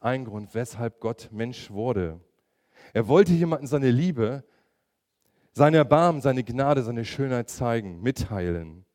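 A man's voice: medium pitch, darkish tone. A middle-aged man preaching a sermon, emphatic and asking his listeners direct questions.

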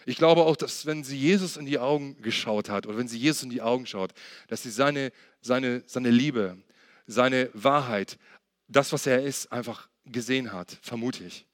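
A man's voice: medium pitch, normal speed, no echo, studio quality. A man preaching a sermon, earnestly asking the listener questions and retelling a Bible story in his own words. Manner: acts out the Bible figures' words in plain retelling.

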